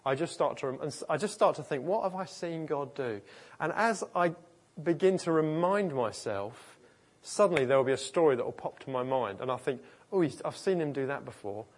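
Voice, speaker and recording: A man's voice: on the high side, expressive, fairly quick. A man preaching a sermon in an informal, earnest way, often restarting and correcting himself mid-sentence. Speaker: pastor. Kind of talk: conversational sermon.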